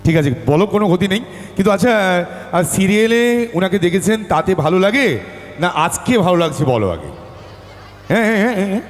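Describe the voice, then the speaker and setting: A man's voice: high voice, expressive, fairly quick, pauses often. A man anchoring a live stage show, joking with the audience and introducing the guest. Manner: joking, hyping up the crowd. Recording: stage PA with long reverb.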